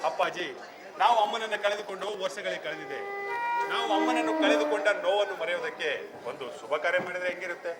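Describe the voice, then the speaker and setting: A man's voice: high voice, fast, a crowd in the background, lightly acted. A man playing a young son earnestly consoling and persuading his widowed father in a village stage play. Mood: persuasive. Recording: music playing behind.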